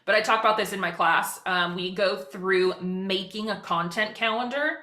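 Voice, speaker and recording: A woman talking very fast as she presents an informal social media webinar, chatty and given to self-deprecating asides. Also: mid-range voice, sharp tone. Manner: very fast, rapid-fire talking. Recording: roomy, echoing sound.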